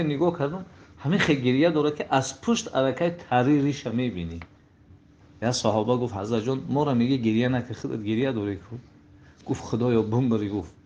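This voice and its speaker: A man giving a sermon and retelling stories, his voice rising to emotional peaks and falling to hushed passages. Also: mid-range voice. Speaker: preacher. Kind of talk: sermon storytelling. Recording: dull lo-fi recording with faint noise.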